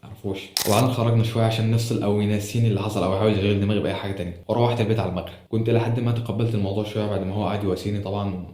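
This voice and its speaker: A man's voice: lowish voice, dark tone. A young Egyptian man with an Egyptian Arabic accent, telling an earnest, emotional personal story as a student vlogger, with frequent restarts. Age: young adult. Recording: roomy echo with faint noise.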